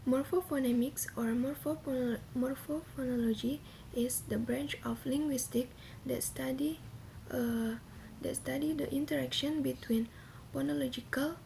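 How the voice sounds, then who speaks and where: A young woman giving a class presentation in a soft, often half-whispered voice, hesitant with many pauses and restarts. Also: sits high, creaky, a little hiss or hum, low-quality recording. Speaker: student presenter.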